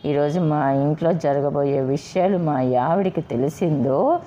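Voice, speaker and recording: A woman's voice: low voice, measured pace, mellow, a little hiss or hum. A woman voicing a meek, henpecked husband who talks with a sly, sarcastic edge, on a slightly dull recording. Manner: pleading, then sarcastic. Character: meek henpecked husband, cheeky when free.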